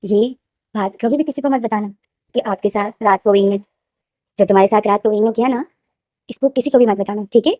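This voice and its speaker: A woman doing a calm, teasing older brother. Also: high-pitched, a little fast, pauses often, no room sound, clean studio sound, lightly acted. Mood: soothing. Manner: soothing, amused.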